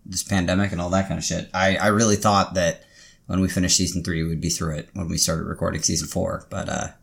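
American man, low creaky voice, wry easygoing podcast chat, co-host. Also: little pitch movement, a little fast.

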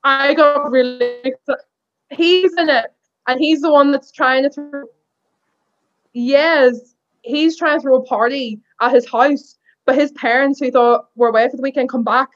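Casting: female guest reviewer, high voice, casual chat, dull audio. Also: fairly even intonation, a little slow.

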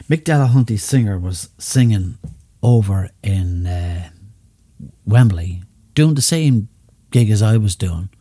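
A man's voice: on the low side, mellow, breathy edge, no echo, clean studio sound. An older Irish man, a former entertainer, reminiscing in a rambling way full of "you know what I mean" asides. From Ireland. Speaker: retired entertainer and chauffeur, interviewee. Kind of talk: reminiscing anecdotes and jokes.

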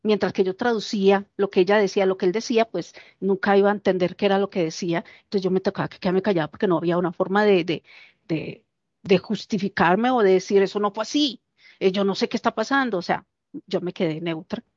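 A woman casually recounting a personal story, lively and animated, acting out the lines of the people in it. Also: medium pitch, fast talker, no room sound. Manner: animated, acts out quoted dialogue. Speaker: interviewee. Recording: dull, dry lo-fi recording.

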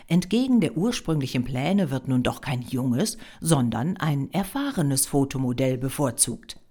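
A woman reading a German story voices a curt, guarded young male photographer in a lowered voice. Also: sing-song, measured pace, mellow, breathy edge, exaggerated voice.

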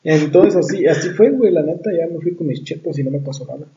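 A man's voice: on the high side, fast talker, a little hiss or hum. Slangy Mexican man, distant and muffled. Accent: Mexican Spanish. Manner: slangy, profane, animated storyteller. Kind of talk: casual chat, storytelling.

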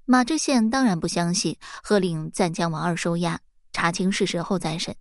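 A woman's voice: fairly low pitch, normal speed, no echo, studio quality. A woman narrating a folk tale, acting out the characters' lines with small shifts in her voice. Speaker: storyteller.

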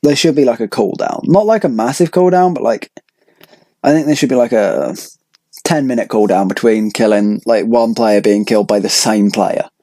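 A man's voice: medium pitch, moderate pace, dark tone, dry recording. A young man hosting a casual podcast, rambling with lots of filler words. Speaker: podcast host. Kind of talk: casual chat.

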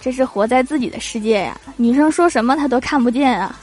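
A woman's voice: fairly high pitch, quick pace, a little mellow, soft background music. Amused young woman telling chat jokes. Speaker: storyteller. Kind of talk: comic storytelling.

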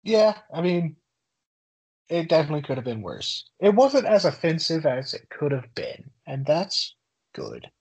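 Podcast co-host guy, husky voice, pitch bounces around a lot. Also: huge pitch swings, unhurried, darkish tone. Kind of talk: casual podcast chat.

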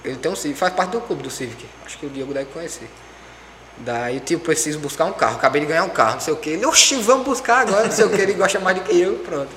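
Animated young man. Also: fairly high pitch, fast talker. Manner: animated, acts out quoted dialogue. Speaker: podcast guest. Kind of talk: casual storytelling. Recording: echoey room with faint background noise.

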